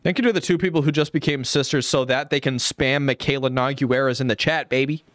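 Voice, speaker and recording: A man's voice: mid-range voice, steady tone, brisk, a bit bright, dry recording, studio quality. Sarcastic, foul-mouthed male streamer. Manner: sarcastic, profane asides to chat. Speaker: streamer reacting to a video. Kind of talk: live stream reaction commentary.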